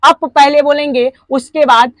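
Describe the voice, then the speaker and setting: A woman with an Indian accent teaching spoken English, breaking words into slow, stressed syllables. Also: high-pitched, steady tone, no room sound. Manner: drawn-out, stressed syllable drills. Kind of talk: classroom lesson.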